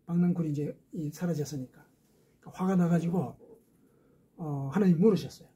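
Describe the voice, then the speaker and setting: A man's voice: a little high, a little fast, warm tone, husky. A man preaching a sermon as a pastor, explaining step by step with rhetorical questions.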